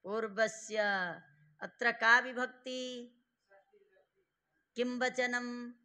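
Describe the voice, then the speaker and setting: A man teaching a grammar class to students in a classroom, slowly drilling them with repeated questions and giving stern, fatherly advice. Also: very high voice, little pitch movement, pushed and bright. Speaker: Sanskrit teacher.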